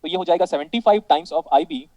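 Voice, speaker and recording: An electronics teacher with an Indian accent lectures his class, switching between Hindi and English, quizzing students, calling them "beta," joking around and repeatedly asking whether things are clear. His voice sits high but sounds dark and mellow, animated and quick. The low-quality recording is dry and close with no echo.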